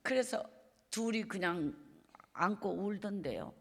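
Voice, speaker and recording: Middle aged lady preacher w gyeongsang accent, emotional testimony, goes quiet sometimes, echoey church hall. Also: mid-range voice, lively intonation, a little slow, gravelly, a little hiss or hum. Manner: emotional storytelling, often dropping to a soft hush. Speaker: evangelist preacher. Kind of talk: sermon testimony. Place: church sanctuary. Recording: long reverb of a church hall.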